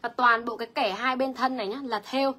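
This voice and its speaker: A woman's voice: fairly high pitch, steady tone, fast, bright, forceful tone. A young woman selling clothes on a livestream, chatty and reading viewer comments aloud. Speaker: online clothing seller. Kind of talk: livestream sales pitch.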